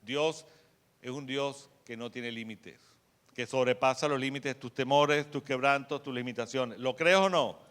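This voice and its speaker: A man preaching a sermon as pastor of a church, sharing a testimony, swinging from soft to loud. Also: mid-range voice, a little slow. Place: church in Miami.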